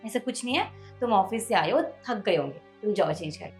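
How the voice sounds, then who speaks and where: A woman's voice: very high-pitched, animated, brisk, soft background music. An actor playing a wife caught hiding her lover, defensive and dismissive, in melodramatic short-film style. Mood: evasive.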